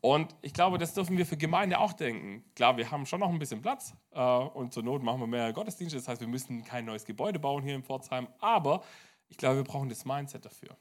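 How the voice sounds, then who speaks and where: A man preaching a lively sermon as pastor to his church, swinging between loud and soft. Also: mid-range voice, fairly quick.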